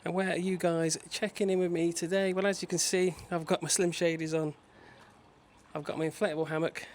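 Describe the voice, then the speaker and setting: Higher-pitched male travel vlogger. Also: little pitch movement, brisk, a little hiss or hum. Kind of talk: casual vlog narration to viewers.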